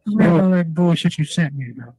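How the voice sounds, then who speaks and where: A man's voice: fairly high pitch, animated, normal speed, warm tone. A man speaking from jail over a prison phone line, rambling and argumentative, repeating himself as he talks. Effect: heard over a prison phone line. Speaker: jail inmate on a call. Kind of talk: casual phone conversation.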